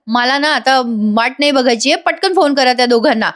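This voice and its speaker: A woman voicing a tearful, anxious middle-aged mother who pleads and frets in a high voice. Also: brisk, fairly bright tone. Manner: pleading, emotional.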